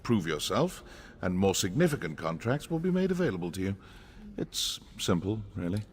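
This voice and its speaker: A cold assassin mentor with a very low voice that still rises and dips expressively. He talks down to the newcomer dryly and impatiently, over faint game music. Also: big pitch swings, normal speed. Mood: sardonic. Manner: dry, impatient, condescending. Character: stern, sardonic male assassin trainer. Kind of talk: video game dialogue.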